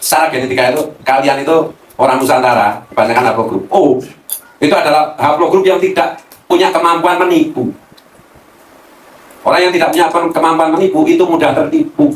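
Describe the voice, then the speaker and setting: Animated cleric speaking from afar. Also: male voice, fairly high pitch, brisk. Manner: animated, mixes Javanese slang, laughs often. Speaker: Islamic cleric. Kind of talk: casual religious talk. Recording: roomy, from a distance, faint noise.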